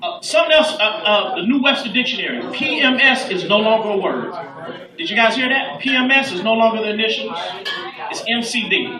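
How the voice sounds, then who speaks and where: A man's voice: high-pitched, lively intonation, a little fast. Man, stand-up comic, playful crowd work, distant mic, audience noise. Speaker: stand-up comedian. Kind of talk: stand-up comedy set. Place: club stage before a live audience. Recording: roomy club audio from a distance with audience noise.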